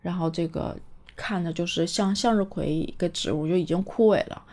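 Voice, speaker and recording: A woman chattily retelling a cartoon story, animated and full of fillers. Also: lowish voice, fairly quick.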